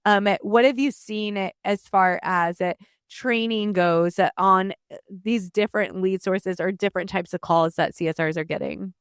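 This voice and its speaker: A woman's voice: medium pitch, normal speed, clear, resonant tone, dry recording, studio quality. A woman hosting a podcast interview, chatty and casual with frequent fillers. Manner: warm, chatty, many fillers. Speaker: podcast host.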